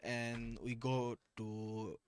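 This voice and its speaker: A young man from Bangladesh, a university student, giving earnest, halting answers as a talk show guest. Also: medium pitch, level tone, smooth. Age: young adult. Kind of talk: casual interview answers.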